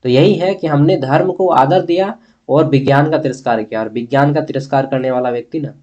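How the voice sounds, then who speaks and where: A history teacher with an eastern Indian Bihar-Jharkhand accent runs an informal exam-review lesson in a brisk, slightly mellow mid-range voice. The highs are cut off in the recording. He's blunt and opinionated and keeps checking in with his listeners.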